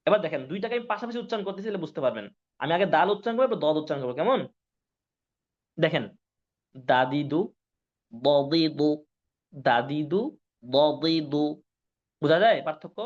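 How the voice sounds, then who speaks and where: A male Quran teacher from Bangladesh runs a class lesson, drilling each syllable and asking again and again if everyone understands. His voice sits fairly high for a man. The recording is dull and lo-fi. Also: animated, fast, pauses often. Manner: drills syllables, keeps asking if students follow. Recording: dull lo-fi sound.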